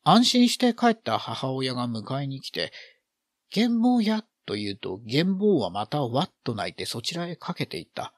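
A man narrates a literary story in a vividly animated voice whose pitch rises and falls freely. His middle-pitched delivery colors each feeling in the narration. The recording is close and dry, with no room sound. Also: normal speed, hardly any pauses, no room sound. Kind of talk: expressive literary reading.

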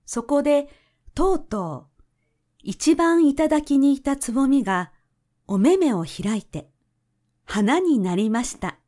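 Woman storyteller reading a children's tale, unhurried and gentle, voice sitting a little high. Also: lively intonation. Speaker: narrator. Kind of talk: storybook narration.

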